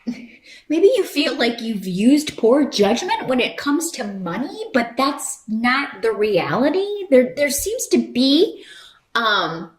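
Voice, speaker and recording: A woman who hosts a channel gives viewers an unscripted tarot reading, conversational, rambling and reassuring. Her voice sits high and is very animated, with a slow pace, and the recording has a roomy echo.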